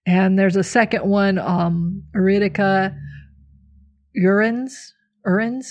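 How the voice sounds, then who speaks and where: A woman's voice: medium pitch, fairly even intonation, slow pace, lo-fi sound. A woman hosting a podcast about herbalism, explaining plants and teachers in an informal, talkative way. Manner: warmly explanatory, informal, with fillers. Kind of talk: casual podcast chat.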